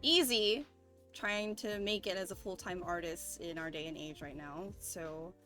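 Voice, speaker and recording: A woman's voice: lowish voice, measured pace, a bit bright. A young woman talking casually on a group stream, telling her story in an earnest, reflective way with plenty of "like". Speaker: member of a streamer group of artists. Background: background music.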